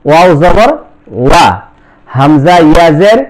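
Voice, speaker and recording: A man with a Bangladeshi accent gives a slow Quran recitation lesson, spelling out each letter and vowel and then repeating the syllables. His voice is a little high.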